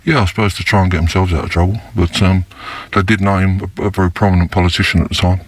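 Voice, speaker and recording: An older man's voice, disguised and pushed very low, gives an interview for a news report. It stays dull and level, barely rising or falling. He talks slowly, pausing and filling gaps as he recalls events. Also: flat delivery, dry recording. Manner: slow, halting, with many fillers. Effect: disguised voice, pitched down deep. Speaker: former undercover police officer.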